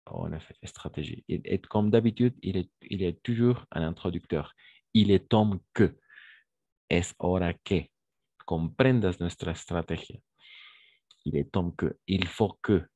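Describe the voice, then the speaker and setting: Low, unhurried male language teacher, patient and encouraging, dry close mic. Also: dark tone, no room sound. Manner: patient, repeats forms slowly and praises students. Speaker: French teacher. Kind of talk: online French grammar lesson.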